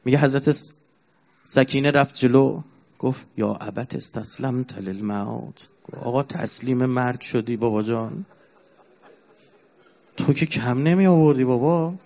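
A man preaching a mourning sermon, telling a sad story as a grieving storyteller who chants verses slowly. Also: medium pitch, vocal fry, darkish tone. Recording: dull lo-fi recording.

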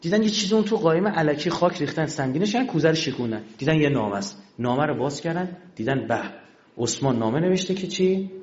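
A man telling religious history as a lively story, acting out each quoted exchange. His voice sits fairly high and swings widely in pitch. It comes through a dull, lo-fi recording. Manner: animated storyteller who acts out quoted dialogue. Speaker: religious lecturer.

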